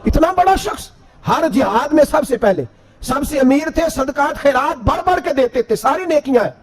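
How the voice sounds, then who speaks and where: A man's voice: extremely high pitch, lively intonation. A man preaching an impassioned sermon. He tells religious stories with a rising and falling delivery and breaks into sung verse. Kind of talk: Urdu sermon storytelling.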